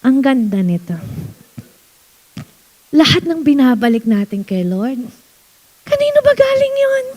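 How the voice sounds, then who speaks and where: Woman pastor, high animated voice, playful sermon delivery. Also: husky. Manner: animated preaching mixing Tagalog and English, reads verses slowly, laughs often. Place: church.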